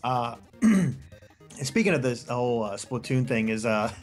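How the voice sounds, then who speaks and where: A man's voice: medium pitch, lively intonation, moderate pace. A man chatting casually as co-commentator on a gaming stream, easygoing and a little hesitant in his phrasing. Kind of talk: casual chat. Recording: game music behind the voice. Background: video game music.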